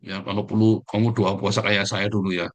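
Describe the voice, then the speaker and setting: A man preaching an informal sermon, talking straight to his listeners and swinging between emphatic, raised phrases and hushed asides. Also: fairly low pitch, flat delivery, a little fast. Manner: informal, addresses listeners directly with frequent "ya" and "saudara". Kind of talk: conversational sermon.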